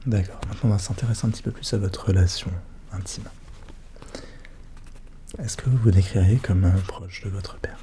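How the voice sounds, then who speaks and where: Man, ASMR role-play, soft-spoken ASMR psychologist, very mellow, hushed, attentive questions, slight background noise. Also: low voice, normal speed, long pauses. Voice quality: soft, hushed voice drifting into speaks softly. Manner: gentle, attentive questioning with short murmured acknowledgements.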